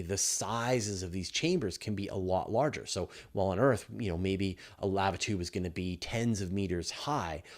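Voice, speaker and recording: A middle-aged man with a Western Canadian accent, his voice sitting low in pitch. He talks through viewer questions in a loose, explanatory style, full of fillers, restarts and "you know". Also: darkish tone. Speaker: host answering live viewer questions. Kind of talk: live Q&A chat.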